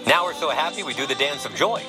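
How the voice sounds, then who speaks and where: A man's voice: on the high side, expressive, fast talker, low-quality recording. A man hosting a sports podcast, with a wry, joking delivery. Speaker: podcast host. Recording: music playing behind the voice.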